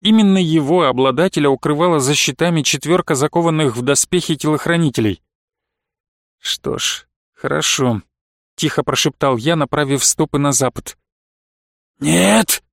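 A male audiobook narrator with a fairly high voice, reading in a steady, measured way. The recording is close and completely dry. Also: no room sound. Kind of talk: scripted narration.

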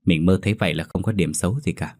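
A worried middle-aged village wife, pleading and anxious, as a male storyteller reads her lines. The voice sits low and deep. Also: quick pace, darkish tone, lightly acted.

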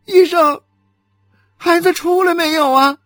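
A woman's voice: fairly high pitch, very animated, takes it slowly, fairly bright tone, slightly rough, no room sound, studio quality, faint music behind, pitched above the performer's own voice, heavily acted. A woman voicing a young wife in agonizing labor who sobs, wails and screams curses at her husband in an audiobook. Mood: wailing in pain. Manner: wailing, sobbing, screaming curses.

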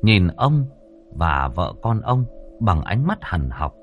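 A man narrating a ghost story audiobook in a measured, dramatic storytelling manner. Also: sits low, very animated, narrow, tinny audio, faint music behind.

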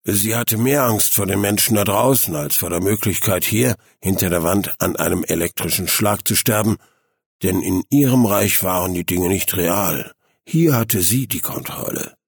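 Husky, low-voiced male narrator. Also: normal speed, dry recording, clean studio sound. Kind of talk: audiobook narration.

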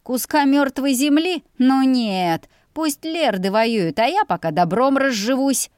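A woman's voice: sits high, expressive, measured pace, darkish tone, clean tone, no echo, clean studio sound, voice pushed up. A woman voicing a crude, greedy teenage older brother who sneers and threatens. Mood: scornful. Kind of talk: audiobook character voice.

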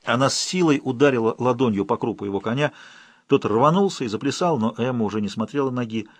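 A man narrating an audiobook in a steady, expressive reading voice. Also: medium pitch, quick pace, no echo. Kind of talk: scripted narration.

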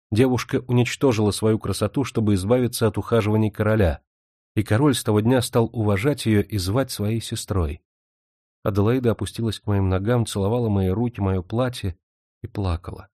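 A man reads a novel aloud in a measured, even storytelling manner. His voice sits low and warm, with a dark, soft timbre. The recording is dry and close, with no room sound. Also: no echo. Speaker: audiobook reader. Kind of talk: scripted narration.

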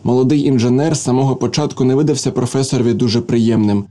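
A male audiobook narrator reading a literary story. He keeps a steady, even delivery in a mellow, soft-edged voice of middling pitch. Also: quick pace.

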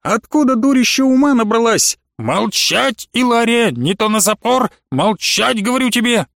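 Male narrator playing a domineering older nun, loud and scolding, raised pitch, dry close sound. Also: animated, moderate pace, gravelly, dry recording, heavily acted. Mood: angry scolding. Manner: loud, scolding, barking orders. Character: stern bossy older nun, woman, domineering.

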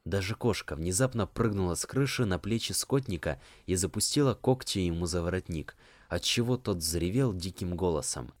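Deep-voiced male audiobook narrator. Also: lively intonation, no room sound. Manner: measured, storytelling. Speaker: audiobook reader.

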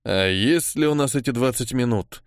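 A gruff army major, brisk and matter-of-fact, as a male narrator plays him. He speaks in short, practical bursts. The sound is dry and close. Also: medium pitch, no echo, close to an everyday voice. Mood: curt.

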